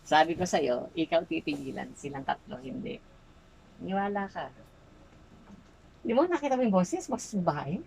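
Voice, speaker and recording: A woman folk healer runs an exorcism and fires the same short questions again and again. Her pitch swings widely from low mutters to sharp high demands. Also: lively intonation, normal speed, creaky, pauses often, slight background noise, rough recording. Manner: insistent, repeating short questions. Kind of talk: exorcism interrogation.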